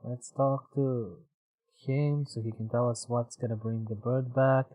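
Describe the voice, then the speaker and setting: A man's voice: mid-range voice, fairly even intonation, unhurried, warm tone, dry recording, low-quality recording. A man streaming a video game in casual chat, swearing often and laughing readily. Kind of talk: casual let's-play chat.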